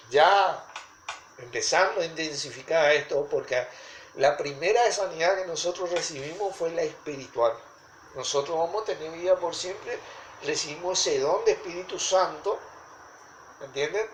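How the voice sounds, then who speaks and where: A man's voice: high voice, reverberant, slight background noise, poor audio. A man preaching a teaching sermon, stressing points with emphatic repetition.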